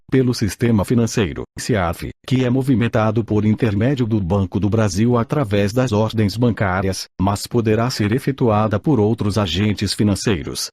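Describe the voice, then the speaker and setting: A man's voice: fairly low pitch, darkish tone. A synthesized male voice, like an old speech synthesizer, reading an audiobook in a mechanical, impersonal way. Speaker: audiobook narrator. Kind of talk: scripted audiobook narration, read aloud.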